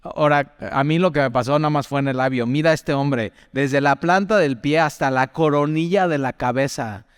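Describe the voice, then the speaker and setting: A young man delivers a casual, conversational sermon with a smooth, resonant voice. He tells personal stories and keeps asking the listener questions. The mic is close and dry, with a long reverb tail behind it. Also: fairly high pitch, normal speed. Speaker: preacher.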